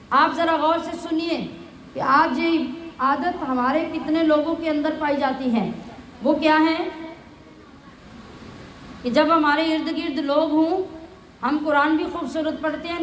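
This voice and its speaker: A woman's voice: high-pitched, slight background noise. A woman teaching the Quran, reciting Arabic phrases and explaining each one in plain words, often asking her listeners questions. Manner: asks the listeners rhetorical questions. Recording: echoey room.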